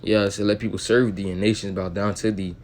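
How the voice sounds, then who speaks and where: A man's voice: lowish voice, little pitch movement, quick pace. A man reading old-fashioned scripture aloud and explaining it in loose, slangy talk with swearing. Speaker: Bible teacher. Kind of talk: casual Bible study reading.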